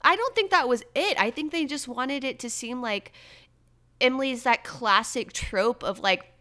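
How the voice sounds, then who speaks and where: A woman hosts a casual pop-culture chat in a bright, ringing voice. She is gossipy and sarcastic, and her pitch jumps up high when she gets worked up. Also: normal speed. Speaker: podcast host.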